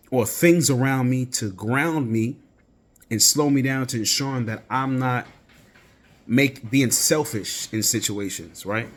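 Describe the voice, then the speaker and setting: A young man hosting his own podcast, talking casually and reflectively, rambling with restarts and frequent "right?". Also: medium pitch. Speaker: podcast host. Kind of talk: casual solo podcast talk.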